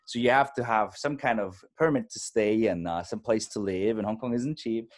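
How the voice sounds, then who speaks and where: A man from Germany in his thirties, a native German speaker giving a thoughtful, halting interview with many fillers over a video call. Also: lowish voice. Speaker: actor guest.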